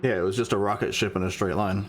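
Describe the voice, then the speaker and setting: A man in his late thirties provides laid-back live commentary on an online race, bantering with his co-host and picking up speed when he calls lap times. His voice is on the low side and steady, with a little hiss or hum in the recording.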